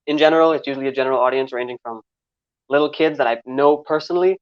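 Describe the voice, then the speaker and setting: A man's voice: mid-range voice, fast talker, smooth, no echo. New york accent guy in his 20s, rambly, lots of um and like, kinda muffled dry audio. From Trinidad. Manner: rambling, many fillers and restarts. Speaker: guest filmmaker. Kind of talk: casual interview answers. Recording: slightly dull, dry recording.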